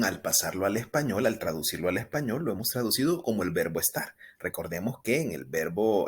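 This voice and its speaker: A man teaching a beginner language class. He explains step by step in a patient way and draws out model phrases slowly so students can repeat them. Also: fairly low pitch, slightly rough. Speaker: English teacher. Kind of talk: scripted language lesson for beginners.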